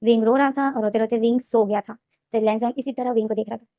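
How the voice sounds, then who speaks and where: A woman retelling a fan fiction plot in a rapid, repetitive storytelling manner. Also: on the high side, fairly even intonation, dark tone, no room sound. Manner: fast, repetitive storytelling with restarts. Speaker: story explainer.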